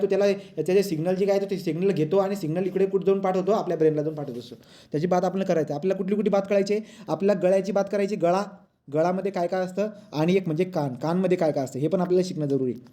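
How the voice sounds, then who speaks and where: A man's voice: sits high, mellow. A male physics teacher giving a classroom lecture, mixing English textbook phrases into his explanations and often asking pupils if they follow. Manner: asks pupils frequent check questions; mixes English textbook lines into Marathi.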